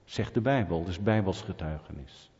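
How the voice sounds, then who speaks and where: Animated preacher man in a reverberant hall. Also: deep voice, normal speed. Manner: animated storytelling with sudden loud peaks. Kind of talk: sermon. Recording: dull audio with long hall reverb.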